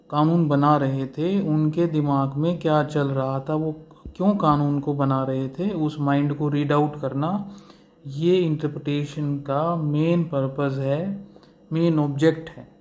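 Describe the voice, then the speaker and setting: A man delivers a law lecture slowly, his voice fairly high and darkish with fairly even intonation. He explains each step in turn, sprinkling in English legal terminology and fillers while asking the class rhetorical questions.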